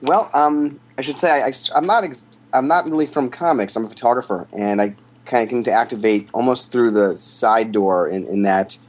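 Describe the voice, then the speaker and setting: A man's voice: medium pitch, fairly quick, hardly any pauses. A man, a photographer, answering questions in a casual interview with rambling, thoughtful explanations. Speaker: guest, photographer.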